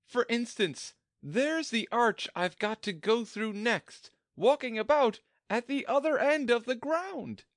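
A man's voice: extremely high pitch, animated, slow, few pauses, no room sound, studio quality, pitched above the performer's own voice, full character voice. A man voicing a curious, fretful young girl in a storybook reading, with a prim, complaining tone.

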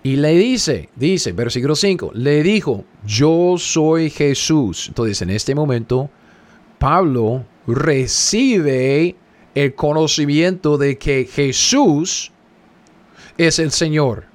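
A man's voice: on the high side, animated, takes it slowly. A man leading a Bible study, reading passages aloud and repeating key words for emphasis, often checking in with his listeners. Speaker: Bible teacher.

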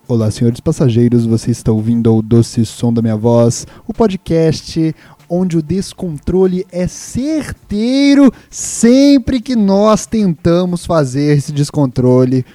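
Brazilian man hosting a podcast as a joking airline pilot addressing passengers; mellow, slightly high voice, dry sound. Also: measured pace, no echo. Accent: Brazilian Portuguese. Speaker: podcast host. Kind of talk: comedic podcast opening.

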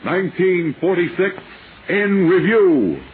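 A man announcing in a measured, stately broadcast manner, heard from an old 1940s radio recording. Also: high-pitched, sing-song. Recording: tinny old radio broadcast over loud music.

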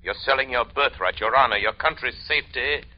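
An actor playing an uncanny, cold and commanding mind-reading crime fighter, with deliberate, theatrical American delivery in an old radio drama style. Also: male voice, mid-range voice, natural voice. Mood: accusing, menacing. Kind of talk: 1940s radio drama acting. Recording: muffled, noisy old-time radio recording.

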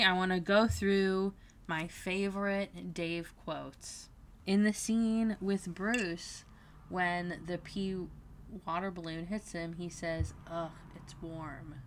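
A woman's voice: medium pitch, steady tone, slow pace, fairly bright tone, a little hiss or hum. A woman hosting a casual fan podcast, chatty and laughing as she retells scenes. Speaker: podcast host.

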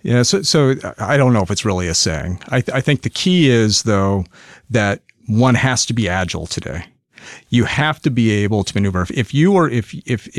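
A man talking as a podcast guest, measured and thoughtful, often repeating words as he works out a point. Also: lowish voice, no room sound, studio quality. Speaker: podcast guest, sales executive. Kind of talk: podcast interview.

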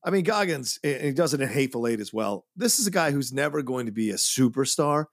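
A man's voice: medium pitch, expressive, fast talker, dry recording, studio quality. A man co-hosting a podcast, talking with enthusiasm and laughing often in casual chat. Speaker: podcast co-host. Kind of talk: casual podcast film discussion.

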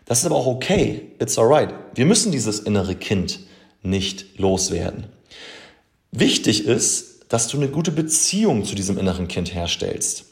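Earnest German coach, low voice, echoey room. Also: male voice, sing-song, a little slow, creaky. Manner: earnest, emphatic, addresses listener directly, mixes in English phrases. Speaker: coach and podcast host. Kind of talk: motivational podcast talk.

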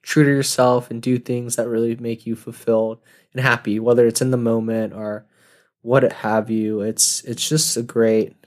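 A man's voice: mid-range voice, flat delivery, moderate pace. A young man in his twenties hosting a casual solo podcast, rambling and self-deprecating, laughing at his own jokes. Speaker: podcast host.

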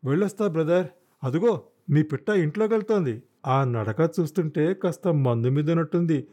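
Guy doing a loud tipsy young biker dude, slangy and breezy, higher voice, warm tone. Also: expressive, moderate pace. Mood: boisterous. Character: brash tipsy young male hippie biker. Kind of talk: audiobook character voice.

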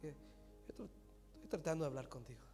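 A man preaching a sermon, swinging from loud, fast preaching to hushed whispers. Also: on the high side. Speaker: pastor. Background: music playing.

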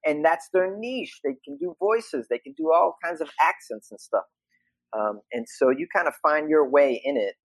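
A man from Boston, a comedian and voiceover actor, chatting as a podcast guest with animated storytelling. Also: fairly high pitch, moderate pace, no room sound, rough recording. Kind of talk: casual podcast conversation.

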